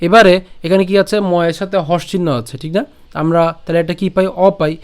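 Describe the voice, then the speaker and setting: A man teaching recitation, breaking words into syllables slowly and patiently and checking in often with his listeners. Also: high-pitched, steady tone, clean tone. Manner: slow, patient syllable-by-syllable drilling with frequent "ঠিক আছে?". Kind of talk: online recitation lesson.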